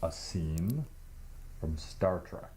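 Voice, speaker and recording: A woman's voice: very deep voice, animated, very slow, mellow, exaggerated voice. A woman playing a blunt, demanding acting teacher in a naturalistic short film, direct and coaxing.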